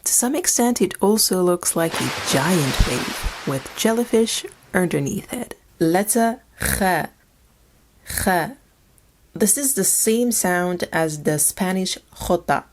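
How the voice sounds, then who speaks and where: A woman teaching a language lesson in scripted narration, naming each letter slowly and repeating it. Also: lowish voice, animated, a little hiss or hum. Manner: slow, deliberate, repeats each letter name.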